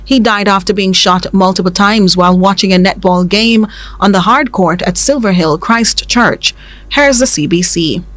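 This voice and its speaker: A woman news anchor, reading scripted news in a measured, formal way. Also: mid-range voice, a bit bright, no room sound.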